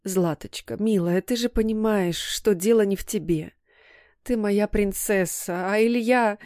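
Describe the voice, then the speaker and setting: Woman voicing a gentle, worried mother. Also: mid-range voice, unhurried, no room sound, clean studio sound, natural voice. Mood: soothing. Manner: soft, soothing. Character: gentle worried mother, soothing her daughter.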